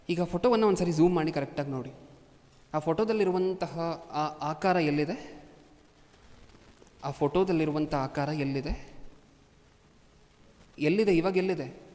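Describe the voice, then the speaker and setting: Guy preaching to a congregation in a big echoey hall, keeps asking them questions, voice sits kinda high. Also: a little mellow. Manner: asks constant rhetorical questions of the audience. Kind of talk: sermon. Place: large hall before a congregation. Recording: long hall reverb.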